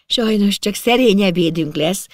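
A man voicing a shy, meek plump widow in a storybook reading, speaking softly and bashfully. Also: high voice, lively intonation, dry recording, studio quality, voice pushed up. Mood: sighing sympathy. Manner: soft, bashful sighing.

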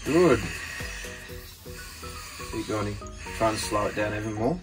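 A man's voice: lowish voice, expressive, slow pace. An Australian man coaching casually with short, encouraging instructions. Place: small brick room, indoors. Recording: loud music under the voice.

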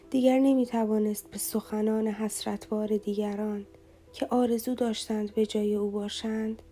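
Woman, audiobook narration, monotone, warm dark voice, soft music behind. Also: a little high. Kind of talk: scripted novel narration.

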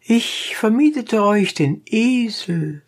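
Stubborn donkey driver , narrator doing the voice, high and pedantic, gravelly edge, slow. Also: expressive. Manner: high, drawn-out, pedantic insistence. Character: stubborn male donkey driver, defiant and cool. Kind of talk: audiobook narration.

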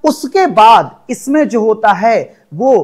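A man's voice: sits high, animated, slow, darkish tone. Male teacher who lectures with lots of coaxing questions. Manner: coaxing, asks students constant questions. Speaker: biology teacher. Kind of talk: classroom lecture.

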